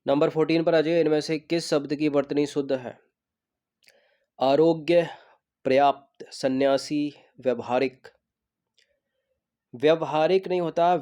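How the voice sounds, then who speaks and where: A man leads an exam preparation class in a relaxed, mellow voice, taking each test question in turn. He repeats the right answers slowly and deliberately so they stick, and often asks the class to supply the answer. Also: a little high. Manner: repeats each correct word slowly to drill it; checks in with students and asks them questions. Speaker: exam coaching teacher. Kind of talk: explaining a Hindi spelling test.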